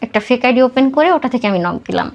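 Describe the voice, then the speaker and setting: Recounting her personal story as a podcast guest, a Bangladeshi woman talks fast and expressively in a somewhat high, gravelly voice, blending English words into her speech. The sound quality is lo-fi.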